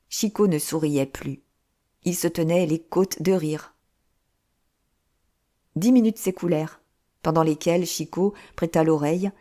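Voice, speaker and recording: A woman narrating an audiobook of a classic novel in a steady, measured storytelling voice. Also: low-pitched.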